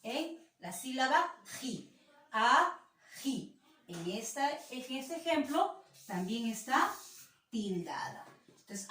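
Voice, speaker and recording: A woman teacher with a Peruvian Spanish accent giving a class lesson, patient and explanatory, repeating example words slowly. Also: on the high side, fairly bright tone. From Peru. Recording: echoey room, voice from a distance.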